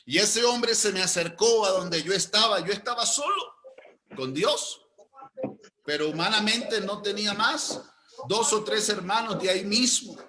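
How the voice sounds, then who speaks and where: Bright, emphatic preaching man. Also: a little hiss or hum. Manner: storytelling, swings between loud emphatic and low slow phrases. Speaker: pastor. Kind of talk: sermon.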